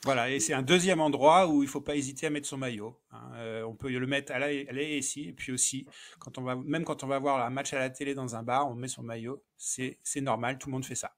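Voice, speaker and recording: A man's voice: medium pitch, fairly even intonation, a little fast. A man co-hosting a podcast, steering the casual conversation and putting questions to the others. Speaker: podcast co-host.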